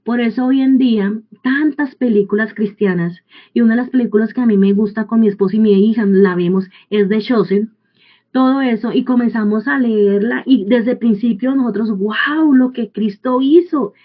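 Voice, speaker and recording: A woman's voice: a little high, fairly even intonation, normal speed. A woman preaching a sermon in an earnest teaching manner, often restarting sentences and asking rhetorical questions. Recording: tinny phone-like sound.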